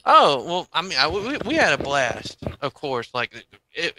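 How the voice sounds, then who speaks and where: A man's voice: on the high side, big pitch swings, a little slow, bright, forceful tone, a little hiss or hum, poor audio. A man telling a casual story as a podcast guest, rambling through many asides.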